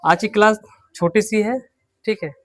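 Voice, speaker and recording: A man teaching English pronunciation in an online class, unwell with a slightly low voice, repeating words slowly and quizzing his students. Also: steady tone.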